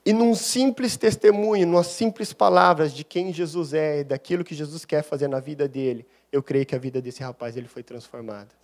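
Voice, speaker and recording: A man preaches in church, his voice sitting a little high for a man. He tells his testimony with lively storytelling and takes on the voices of the people in it. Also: brisk, few pauses. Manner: animated storyteller, acts out dialogue. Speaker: deacon preaching a sermon. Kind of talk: sermon with personal testimony.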